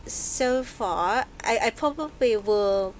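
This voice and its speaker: Thoughtful, soft-spoken woman from Hong Kong. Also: a little high, animated, slow pace, a little hiss or hum, low-quality recording. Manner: soft-spoken, thoughtful, with frequent hesitations and gentle laughs. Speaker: podcast guest. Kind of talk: casual interview chat. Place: bookshop, live recording.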